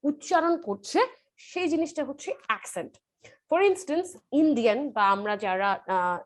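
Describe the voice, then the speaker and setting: Bangladeshi woman instructor, higher voice. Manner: explanatory, switches often between two languages. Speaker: spoken English instructor. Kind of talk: explaining in class.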